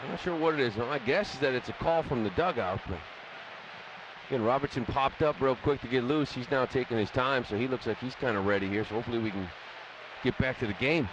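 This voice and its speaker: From the stadium broadcast booth, this American color commentator chats through his analysis of a live baseball game on the radio. He has a mid-range voice and brisk delivery, and the muffled recording carries heavy crowd ambience.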